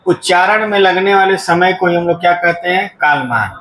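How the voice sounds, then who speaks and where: A man's voice: sits high, normal speed, sharp tone. A male teacher giving a grammar lesson in a classroom. He asks the class questions and often answers them himself, repeating the key terms. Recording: echoey classroom.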